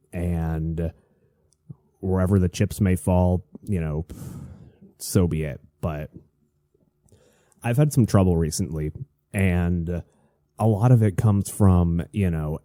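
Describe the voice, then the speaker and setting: A deep, very mellow man's voice with a slightly stuffy edge, recorded dry. He hosts a solo show in a casual, confessional way, often halting and doubling back on his own sentences. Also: no echo. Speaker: host of a solo online show.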